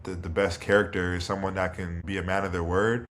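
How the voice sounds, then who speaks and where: A man in his thirties with a very low voice talks as a podcast guest. His delivery is relaxed and thoughtful, with easy filler words. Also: a little fast, a little hiss or hum. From Toronto, Canada. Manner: relaxed and reflective, leans on "you know" and "like". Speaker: guest, pro basketball player. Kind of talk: casual interview.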